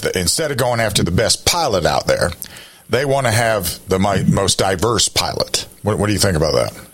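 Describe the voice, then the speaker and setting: Male radio host, very low voice, conversational interviewing. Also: fairly bright tone.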